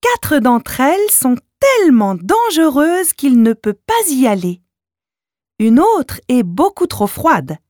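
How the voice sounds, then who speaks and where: Noisette, as a woman puts her on, is an eager female guide in a children's storybook who talks in a hurried, excited rush. Her voice rides very high and bounces around a lot. It sounds dry and close. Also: no echo, exaggerated voice. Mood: riddling.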